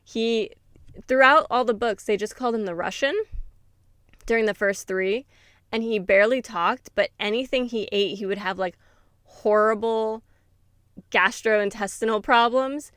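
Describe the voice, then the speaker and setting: A woman's voice: a little high, measured pace, fairly bright tone, clear, resonant tone, dry recording, studio quality. A woman co-hosting a book review podcast, retelling a story in a chatty way with lots of fillers. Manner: chatty, many fillers, laughs while retelling. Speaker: podcast co-host. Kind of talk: casual book review chat.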